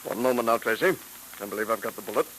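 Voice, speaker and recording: An actor in old radio drama style playing a brisk, matter-of-fact police department expert. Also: male voice, on the low side, fairly bright tone, slight background noise, lightly acted, rough recording. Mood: businesslike. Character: businesslike police helpers, doctor and ballistics expert. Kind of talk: 1940s radio drama acting. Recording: vintage radio recording.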